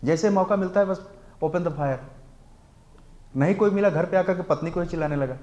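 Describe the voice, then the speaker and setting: Speaking in a high voice with a darkish tone, recorded with the highs cut off, a man teaches scripture at a temple. He slowly chants Sanskrit verses, then explains them in English-laced Hindi and asks rhetorical questions of the audience.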